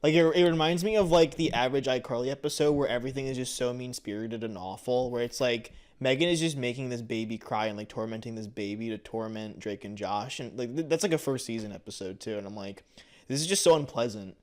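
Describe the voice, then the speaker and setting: A young American man speaks in a mid-range, slightly mellow voice at a fast clip. He's co-hosting a podcast and chatting casually, blunt, opinionated, and sweary.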